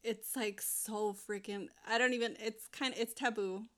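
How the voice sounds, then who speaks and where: A woman's voice: on the high side, steady tone, moderate pace. A young woman co-hosting a casual chat, rambling with lots of fillers and restarts.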